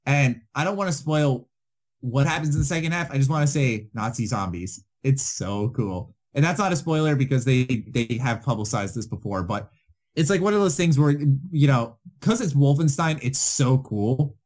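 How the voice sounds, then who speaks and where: A man's voice: medium pitch, animated, a little fast. Enthusiastic young man co-hosting a podcast. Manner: enthusiastic, teasing. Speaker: podcast co-host. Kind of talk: casual chat.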